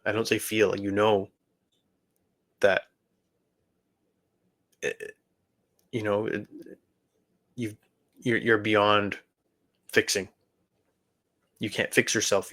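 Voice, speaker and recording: Guy on a faith podcast telling his testimony, kinda low voice, earnest, stumbles and restarts a lot. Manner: earnest, halting, many restarts. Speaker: podcast host. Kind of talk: personal testimony.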